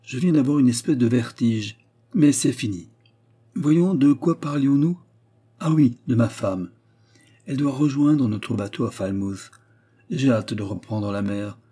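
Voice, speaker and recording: A man voicing a feverish, restless young gentleman who talks in agitated, breathless bursts in an audiobook. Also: mid-range voice, measured pace, slightly rough. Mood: feverish, rambling. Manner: agitated, breathless, rambling speech. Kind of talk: audiobook character reading.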